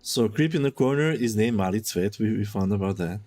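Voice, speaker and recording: Chatty low-voiced male streamer. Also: animated, brisk, darkish tone. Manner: chatty, amused, thinking aloud. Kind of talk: casual live-stream gaming chat.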